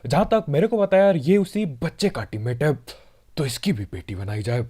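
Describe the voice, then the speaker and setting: A man's voice: fairly high pitch, expressive, normal speed, warm tone, slightly rough. A man narrating his own gameplay in a casual, joking voice-over, talking straight to his viewers. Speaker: gaming channel host.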